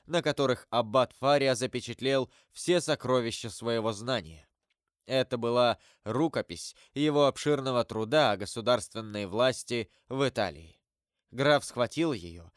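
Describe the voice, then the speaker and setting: A man narrating an audiobook in a steady, measured reading voice. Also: medium pitch, clean tone, no echo, studio quality. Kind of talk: scripted narration.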